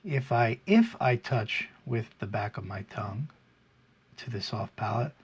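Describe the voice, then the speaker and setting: A man with a standard American accent giving an informal pronunciation lesson, explaining patiently and haltingly step by step, with a slightly husky, gravelly voice. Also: on the low side, animated. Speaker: pronunciation teacher. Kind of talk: informal instructional video, demonstrating English sounds.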